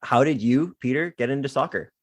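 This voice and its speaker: A man's voice: mid-range voice, fairly quick. A man hosting a soccer podcast, introducing and interviewing with eager, loose phrasing. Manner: enthusiastic, loose with "um" and "like". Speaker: podcast host.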